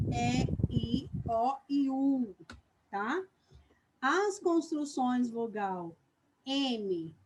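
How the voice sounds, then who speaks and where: A woman with a Brazilian Portuguese accent teaching young children in a live online lesson. She speaks slowly and deliberately, stretches her words, and checks in often with "ok?". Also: high-pitched, background noise. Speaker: primary school teacher.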